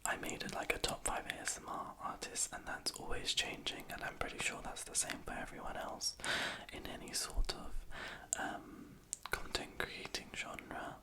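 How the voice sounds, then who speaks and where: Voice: normal speed, low-quality recording. Whispered ASMR ramble from a young adult. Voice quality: breathy, unvoiced whisper. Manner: hesitant, self-deprecating, rambling. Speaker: ASMR video creator. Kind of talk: whispered ASMR ramble, gossipy chat to the viewer. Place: small room in a house at night.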